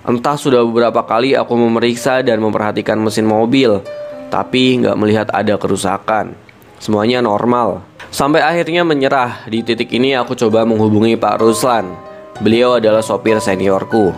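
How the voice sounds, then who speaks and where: A man narrating a first-person mystical horror story with measured pacing and dramatic pauses. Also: fairly low pitch, steady tone. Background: faint music.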